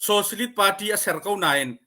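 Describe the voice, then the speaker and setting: A man giving an informal educational talk on a community livestream, deliberate and dropping English terms into his speech. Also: high-pitched, fairly even intonation, pushed and bright. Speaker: speaker at a community support livestream.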